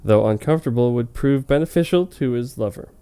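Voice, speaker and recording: This fan fiction reader on a comedy web show delivers his story with mock drama in a fairly quick, mid-range voice. It sounds smooth, clear, and relaxed, with a soft edge, and he slips amused, joking remarks in between his hammy lines.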